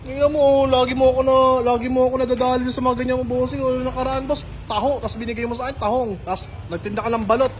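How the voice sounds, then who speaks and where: Very high-voiced exasperated man. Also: level tone, fast, hardly any pauses, a little hiss or hum. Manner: exasperated, accusing, swears casually. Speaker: customer in a comedy skit. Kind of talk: comedic skit banter.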